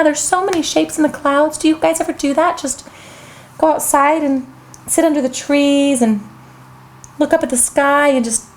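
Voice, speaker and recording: A woman hosting a children's show, reading a picture book aloud with a bubbly, childlike manner, full of excited gasps and chatty asides to the young viewers. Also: sits high.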